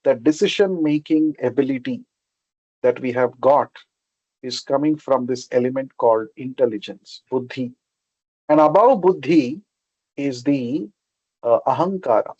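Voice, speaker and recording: A man's voice: mid-range voice, measured pace, darkish tone, slightly rough, dry recording. A man from South India with a Telugu Indian accent gives an explanatory religious lecture as a spiritual teacher, repeating key terms and checking in with short questions. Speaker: spiritual teacher giving a scripture class. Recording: dull lo-fi sound.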